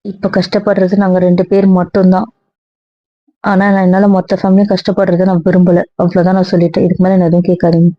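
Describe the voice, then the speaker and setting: A woman's voice: lowish voice, little pitch movement, quick pace, no echo, lo-fi sound, voice pushed down, natural voice. A woman voicing a remorseful young woman who pleads and defends herself in an amateur audio drama. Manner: pleading, guilt-ridden.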